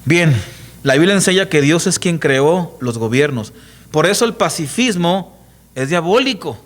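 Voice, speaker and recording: A middle-aged man preaching a sermon, emphatic and full of rhetorical questions to the congregation, telling stories with lively quoted voices. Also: fairly high pitch, a little slow. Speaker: pastor. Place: church.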